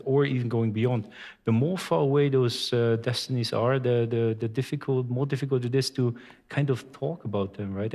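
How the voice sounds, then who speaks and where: A man's voice: medium pitch, a little mellow. Middle-aged male panel moderator. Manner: conversational, many "you know"s. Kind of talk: panel discussion. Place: conference stage.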